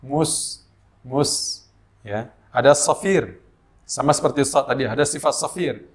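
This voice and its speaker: Indonesian man teaching Quran recitation. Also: mid-range voice. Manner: explains slowly with many fillers, then chants drawn-out recitation examples. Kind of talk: tajwid lesson with demonstrations.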